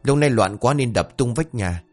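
A man's voice: mid-range voice, expressive, normal speed, soft background music, natural voice. A man voicing a blunt older villager who explains things in a matter-of-fact way.

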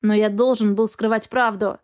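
A woman's voice: medium pitch, level tone, moderate pace, darkish tone, smooth, natural voice. A woman voicing a secretive, blunt young man who is a cat-like shapeshifter in an audiobook. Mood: defensive. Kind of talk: audiobook character reading.

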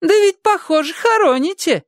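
A man voicing a shrill, spiteful elderly woman neighbor who scolds and gloats in a squealing voice. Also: lively intonation, normal speed, no echo, clean studio sound. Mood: mocking. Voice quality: shrill, shrieking.

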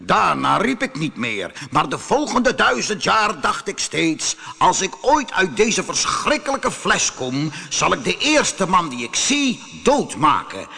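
A giant, vengeful genie bellows high and loud, his voice strained and gravelly as he roars threats, put on by a man reading a storybook. The shouting swings wildly up and down. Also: huge pitch swings, slow, exaggerated voice. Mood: bitter, boastful. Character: huge vengeful male genie from a bottle.

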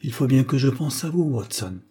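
A man reading an audiobook, voicing a gravely ill male detective who speaks weakly and short of breath yet in a sharp, commanding way. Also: mid-range voice, expressive, normal speed. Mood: plaintive. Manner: commanding, sharp, abrupt outbursts.

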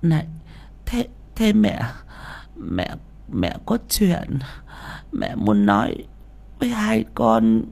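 A man's voice: very high voice, little pitch movement, drawn-out words, pauses often, darkish tone, slightly rough, pitched above the performer's own voice, full character voice. A man voicing a frail, stammering elderly mother in an audiobook story. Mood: bewildered. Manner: stammering, hesitant. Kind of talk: audiobook character voice.

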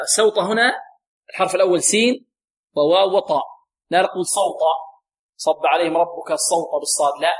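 A man teaching Quran recitation rules, often asking a question and answering it himself, and slowly repeating words to show how to say them. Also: high voice. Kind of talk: tajweed lesson with call-and-response questions.

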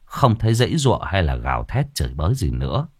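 A man narrating a ghost story in a lively, expressive way. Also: sits low, quick pace, over loud music.

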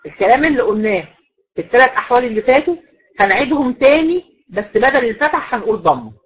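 A woman's voice: a little high, big pitch swings, quick pace, poor audio. A woman with an Egyptian accent, a recitation teacher lecturing a class, explaining patiently, asking the class questions and repeating the key rules. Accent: Egyptian Arabic.

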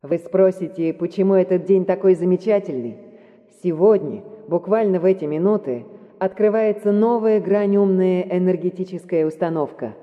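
A man's voice: high-pitched, moderate pace. A man voicing a cheery male radio announcer heard over a tinny radio broadcast, with upbeat promotional patter. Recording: tinny phone-like radio with long reverb.

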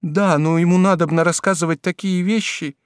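A man voicing a timid, frightened young woman who pleads in a drawn-out high voice. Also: fairly even intonation, smooth, no echo, studio quality, close to an everyday voice. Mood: hesitant.

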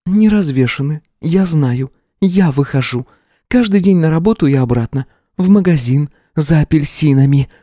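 A weary, hurt young woman, as a male narrator puts her on, speaks in a raised, strained voice with a soft, mellow tone. Her lines come across close and dry, with a bitter, sarcastic edge, in the manner of an audiobook read aloud. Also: on the high side, lively intonation, normal speed, no echo, voice pushed up, natural voice. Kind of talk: audiobook character reading.

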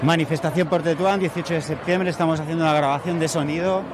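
A man's voice: fairly high pitch, steady tone, quick pace. A man reporting for community radio, interviewing people at a street protest with brief, friendly questions. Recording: outdoor street recording with crowd and traffic noise. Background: crowd and traffic.

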